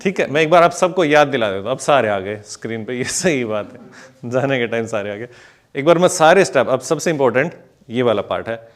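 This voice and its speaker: A man teaching an online dance class, talking through the steps slowly and calling out the counts over the music. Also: mid-range voice, expressive. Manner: explains steps slowly, chatty asides. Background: music playing.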